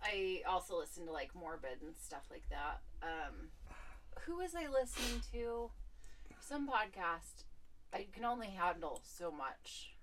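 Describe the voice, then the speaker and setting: A woman's voice: fairly low pitch, big pitch swings, unhurried, a bit bright, distant mic, slight background noise, poor audio. A woman co-hosting a podcast in casual, rambling chat, often laughing. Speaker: podcast co-host.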